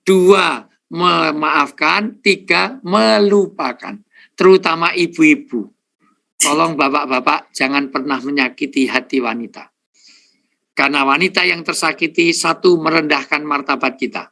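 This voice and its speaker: A man's voice: a little high, steady tone, moderate pace, bright, forceful tone. A middle-aged man preaching a humorous sermon to a live audience, joking, speaking to listeners directly and counting off his points. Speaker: Islamic preacher.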